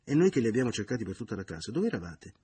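A man doing an indignant, shrill middle-aged mother. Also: very animated, very fast, dark tone, slight background noise. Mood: astonished. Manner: shrill, bitter, exclamatory.

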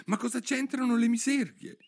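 A man's voice: very high voice, fairly even intonation, normal speed, gravelly, a little mellow, voice pushed up, exaggerated voice. A man voicing a polite, precise little girl in a storybook reading. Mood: earnest. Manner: earnest, precise.

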